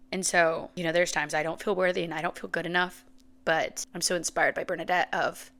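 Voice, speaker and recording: Woman, 30s, podcast host, low gravelly voice, earnest and emotional, casual fillers. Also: bright, forceful tone. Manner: earnest, heartfelt, lots of "like" and "you know". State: emotional, near tears. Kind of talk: reflective faith podcast monologue.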